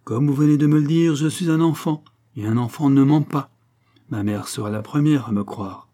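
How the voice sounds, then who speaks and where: A man's voice: medium pitch, normal speed, mellow, pitched above the performer's own voice, lightly acted. A man voicing a thirteen-year-old boy duke who speaks with firm, solemn command. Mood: coldly resolute.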